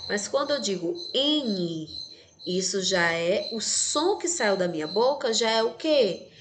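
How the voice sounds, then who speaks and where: A Brazilian woman with a mid-range, animated voice and a Brazilian Portuguese accent teaches an online class to sixth graders against a noisy background. Her style is slow and didactic as she counts letters aloud and checks that students follow.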